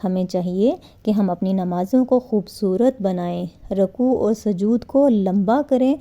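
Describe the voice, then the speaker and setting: A woman giving an earnest religious lecture on prayer, exhorting her listeners and slowing down to model careful recitation. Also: mid-range voice, mellow. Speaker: Islamic preacher. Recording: dull lo-fi recording.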